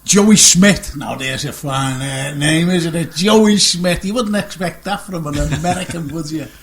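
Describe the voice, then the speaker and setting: A middle-aged man hosts a radio chat show, rambling from one thing to the next and laughing at his own jokes. His voice sits a touch high and has a gravelly edge. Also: unhurried. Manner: jokey, rambling, laughs often. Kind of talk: casual chat show banter.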